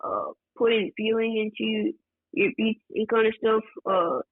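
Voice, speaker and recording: A man from Georgia, a guest music producer, chatting casually in a relaxed, rambling way full of fillers. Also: high-pitched, a little slow, breathy edge, dry recording. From Georgia, USA. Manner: relaxed, rambling, many fillers like "like" and "you know". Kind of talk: casual interview chat. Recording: tinny phone-line sound, dry.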